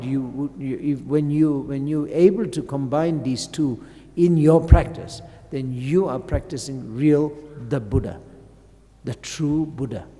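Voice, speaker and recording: A man's voice: medium pitch, dark tone. Hesitant man giving a dharma talk. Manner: halting, searching for words, many fillers and restarts. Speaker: Buddhist teacher. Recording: long hall reverb.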